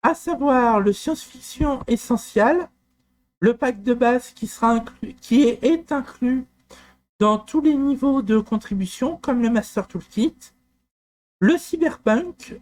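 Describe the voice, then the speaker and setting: A man presenting a screen-recorded software walkthrough, talking in a hesitant, explanatory way with frequent fillers and restarts and personal asides. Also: very high voice, lively intonation, takes it slowly. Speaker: tutorial presenter.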